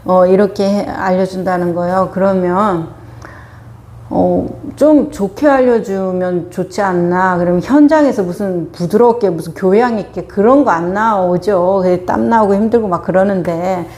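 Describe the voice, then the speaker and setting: Woman teaching meditation, chatty storytelling, lots of little hesitations, mid pitch. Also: moderate pace, a little mellow. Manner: conversational storytelling with frequent hesitations. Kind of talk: casual dharma talk.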